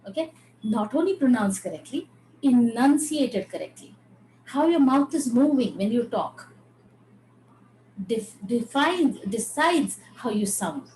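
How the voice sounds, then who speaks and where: A woman's voice: fairly high pitch, animated, extremely slow, darkish tone, roomy sound, a little hiss or hum, rough recording. A woman with an Indian English accent teaching an online voice class, switching between Hindi and English and asking the class questions. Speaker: voice coach. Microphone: video call.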